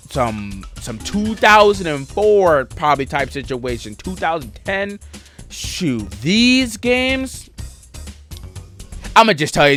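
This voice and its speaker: A young man giving casual, joking tier-list commentary on video games, excitable and chatting straight to his viewers. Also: sits high. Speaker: gaming YouTuber.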